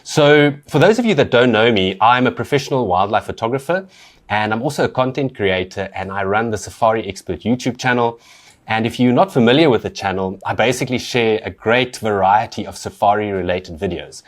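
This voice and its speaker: A South African man hosting a podcast, chatting in a relaxed, conversational way with frequent fillers. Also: on the low side, brisk. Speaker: podcast host. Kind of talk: casual podcast chat.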